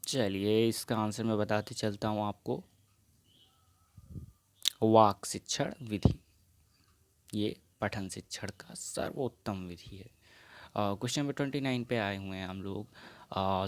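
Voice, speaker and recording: A male teacher leads an exam practice lesson, working through quiz questions and reading each answer option aloud. His voice sits a little low, and he talks at a slow, unhurried pace. He often slips English phrases into his explanations.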